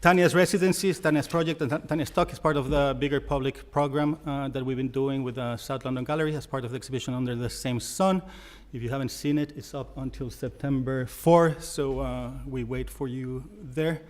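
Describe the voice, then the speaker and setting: A man's voice: mid-range voice, fairly even intonation. A man, a curator, introducing speakers at a gallery event with many hesitations and fillers. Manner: halting, full of uh fillers. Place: gallery talk before an audience.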